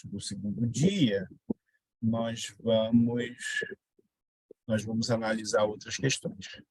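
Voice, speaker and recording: Man, grammar teacher, unhurried, slightly husky, dry close sound. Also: medium pitch, darkish tone, dry recording. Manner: repeats and spells out example words, quizzes students. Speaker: Portuguese teacher. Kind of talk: online exam-prep grammar lesson.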